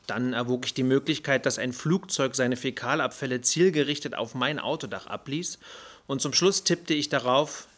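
A man reading a first-person audiobook story in an even, measured way. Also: mid-range voice. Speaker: audiobook narrator. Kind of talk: first-person scripted narration.

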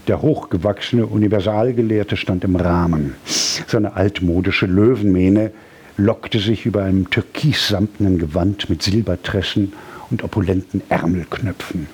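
A man narrating a historical novel as an audiobook in a measured reading. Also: low-pitched, darkish tone, slightly rough. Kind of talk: scripted narration.

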